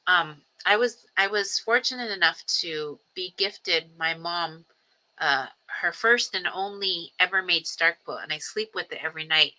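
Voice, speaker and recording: Hosting a casual, reflective livestream, a woman in her forties circles back on herself with ums and little restarts. Her slightly low voice has a very bright, edgy sheen, and she remains earnest and steady even while talking about grief, though the recording quality is low.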